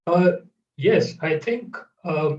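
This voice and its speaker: A man hosts an interview, speaking in a measured way with frequent pauses and fillers. His slightly high voice sounds distant and roomy. The audio is dull, like a video call. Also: animated, darkish tone. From India. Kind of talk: conversational interview.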